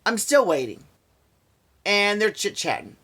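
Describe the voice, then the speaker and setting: A man's voice: high voice, big pitch swings, measured pace, pushed and bright. A man in a casual vlog, telling an exasperated story and repeating himself. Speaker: vlogger. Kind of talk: casual ranting story to camera.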